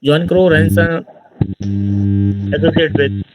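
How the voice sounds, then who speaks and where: A man's voice: on the high side, expressive, slow, soft background music. A man giving an informal exam-prep literature lecture, explaining answers and checking in with his listeners. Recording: distant mic with loud background noise.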